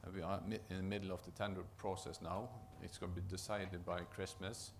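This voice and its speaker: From Norway, a project manager with a Norwegian accent gives a conference presentation in a low voice and flat delivery. He frequently halts to restart and repeat words, and the background is noisy.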